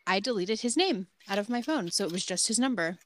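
A woman in her late twenties co-hosts a podcast, chatting casually and bluntly with lots of fillers and a frank way of talking. Her medium-pitched voice is expressive and fairly quick.

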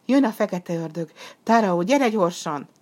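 A woman doing a gentle, worried young girl. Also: low voice, close to an everyday voice. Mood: urgent. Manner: urgent and pleading.

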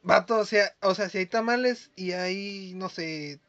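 Young Mexican man, high voice, casual slangy podcast co-host, muffled recording. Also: fairly bright tone. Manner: joking, quick slangy storytelling. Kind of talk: casual chat. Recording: dull lo-fi sound.

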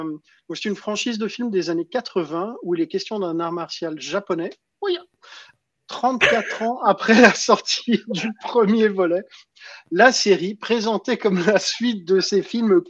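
Man, stream host, high-pitched, chatty, stumbling restarts. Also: a little slow, fairly bright tone, lo-fi sound, slight background noise. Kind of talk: casual live stream chat.

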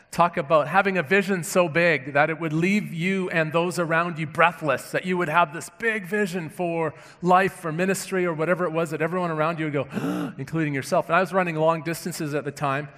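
A male pastor with a cold-stuffed nose delivers an earnest, conversational sermon, often restarting his phrases. His voice sits a little higher than most men's, and the sound carries a long church-hall reverb. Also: fairly even intonation, a little fast, a bit bright. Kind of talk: sermon with opening prayer. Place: church sanctuary.

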